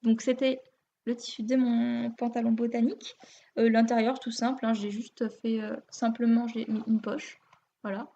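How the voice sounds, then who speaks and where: A woman's voice: fairly high pitch, little pitch movement, normal speed, warm tone, slight background noise. A woman with a French accent hosting a knitting video podcast, chatting casually and a bit self-deprecatingly, with many fillers. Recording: muffled lo-fi home recording.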